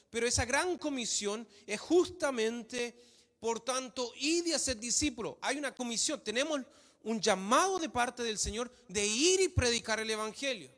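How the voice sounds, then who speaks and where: High-voiced male preacher in reverberant hall. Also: a bit bright. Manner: emphatic, repeats phrases for stress. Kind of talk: sermon.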